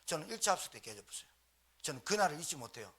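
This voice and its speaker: Man, pastor, bright husky voice, rhetorical questions. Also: on the high side, racing. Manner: animated, fires rhetorical questions at the congregation. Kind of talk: storytelling sermon. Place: church sanctuary.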